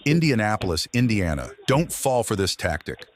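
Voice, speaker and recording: A man's voice: fairly low pitch, big pitch swings, normal speed, no room sound. A man narrating a video from a script.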